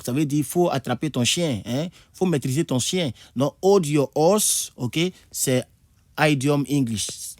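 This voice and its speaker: A man teaching English idioms in a video lesson, repeating words and jumping high to act out phrases. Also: darkish tone, no room sound. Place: indoor room with a board.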